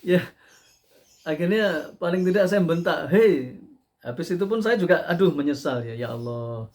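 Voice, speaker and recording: Lively chatty male preacher, higher voice. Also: a little fast. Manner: chatty, animated, frequent "ya" tags, laughs at his own stories. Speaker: Islamic preacher. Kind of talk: casual sermon to a live audience.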